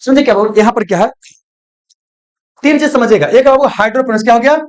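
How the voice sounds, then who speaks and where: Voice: mid-range voice, fast. A teacher gives a recorded exam-coaching lecture, asking questions aloud and answering them, repeating key terms and calling students "babu". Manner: folksy, calls students "babu".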